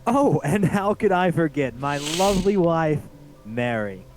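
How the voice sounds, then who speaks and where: A man's voice: on the high side, very animated, measured pace, background noise, voice pushed up. A man voicing a polite, cheery suburban dad welcoming a new neighbor in a dating game read-through. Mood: hospitable. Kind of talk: voicing visual novel characters on a live stream.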